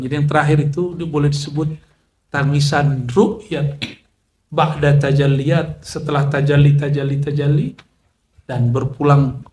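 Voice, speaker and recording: An Islamic preacher gives a casual religious lecture, chatting, making joking asides to listeners and mixing in recited Arabic. His voice is a little high and sounds reverberant.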